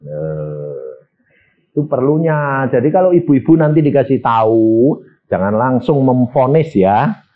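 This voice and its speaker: An older male pastor preaches with a lively, swooping voice, jumping from low asides to high exclaims as he acts out conversations. The sound is thin and narrow, like a phone line. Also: a little slow. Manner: animated storytelling, acts out dialogue with big pitch swings. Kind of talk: sermon with personal stories.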